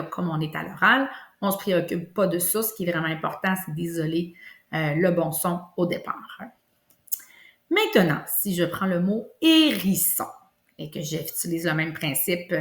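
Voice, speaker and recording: A woman with a Québécois French accent, teaching a kindergarten lesson and slowly stretching out sounds for young children. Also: fairly low pitch, gravelly. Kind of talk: classroom lesson video. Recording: echoey room.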